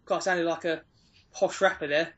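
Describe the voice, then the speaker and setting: A man with a notably high voice hosts a casual interview. He is a fitness coach who keeps things friendly and joking. His tone stays upbeat and informal. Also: steady tone, moderate pace, fairly bright tone, muffled recording.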